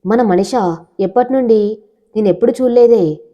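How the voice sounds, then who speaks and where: A woman's voice: fairly high pitch, moderate pace, lo-fi sound, close to an everyday voice. A woman voicing a proud young male corporate CEO in a storybook, commanding and curt. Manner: commanding, demanding.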